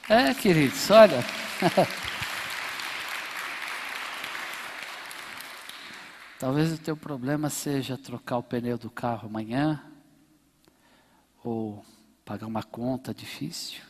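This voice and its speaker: A pastor leading a church service, calling out fervent, drawn-out praise to his congregation. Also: mid-range voice, a little mellow, some chatter behind. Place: church sanctuary. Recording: echoey church hall with congregation.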